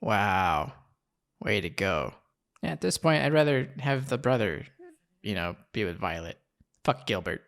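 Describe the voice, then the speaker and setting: A man's voice: lowish voice, big pitch swings, measured pace, gravelly, long pauses, fairly bright tone. A man giving casual, informal and sweary reaction commentary while watching an anime film. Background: faint music from the film.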